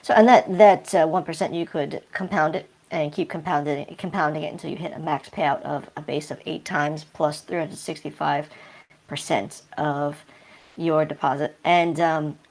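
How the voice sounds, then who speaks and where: A man speaking through a voice changer that pitches his voice deep, answering interview questions casually and hesitantly with many fillers. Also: steady tone, moderate pace, vocal fry. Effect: voice changer, pitch shifted deep. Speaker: project developer guest.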